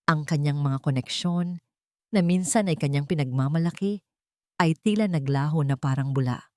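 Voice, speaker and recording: Her voice sits low with a darkish tone as this woman, speaking with a Filipino accent, reads a scripted dramatic story as narrator at a moderate pace. The sound is dry and studio-clean.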